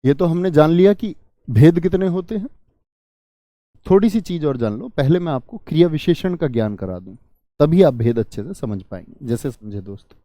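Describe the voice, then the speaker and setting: A man's voice: fairly high pitch, animated, normal speed, dark tone, dry recording. A man teaching an online grammar class. He keeps asking his students questions and then answers them himself. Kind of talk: online exam-prep grammar lesson.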